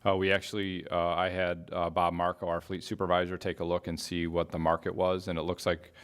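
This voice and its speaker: A man with a very low voice answers questions as a municipal official. He explains things informally and haltingly, feeling his way through his phrases. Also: completely flat delivery, clear, resonant tone.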